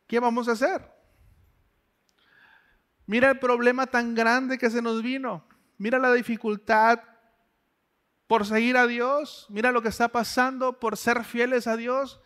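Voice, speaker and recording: A man's voice: very high voice, flat delivery, measured pace, pauses often, pushed and bright, heavily acted. A man voicing a frightened male servant who pleads anxiously for help. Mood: anxious pleading.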